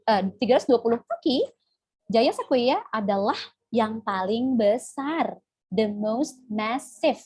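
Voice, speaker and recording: A woman's voice: fairly high pitch, a little mellow, slightly rough. A young woman teaching English in a casual live online class, chatty and self-correcting as she talks to her viewers.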